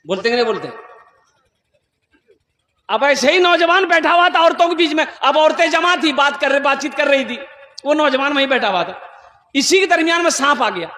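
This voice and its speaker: A male preacher tells stories in a very high, bright, ringing voice. He is animated and keeps calling on the crowd to answer. The sound echoes around a big hall. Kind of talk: storytelling sermon.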